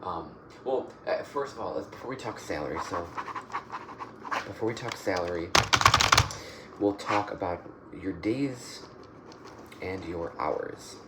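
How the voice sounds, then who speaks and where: Low-pitched soft-spoken ASMR man, noisy clicks. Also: expressive. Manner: halting, repeats and rephrases phrases. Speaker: ASMR performer playing a job interviewer. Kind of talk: soft-spoken ASMR role-play of a job interview. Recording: noisy, with clicking and typing sounds.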